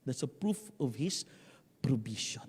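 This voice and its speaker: Impassioned Filipino preacher in echoing hall. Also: male voice, mid-range voice, very animated, measured pace, slightly rough. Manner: impassioned, swings between hushed and shouting, mixes English and Tagalog. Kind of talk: sermon testimony. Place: church sanctuary. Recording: long hall reverb.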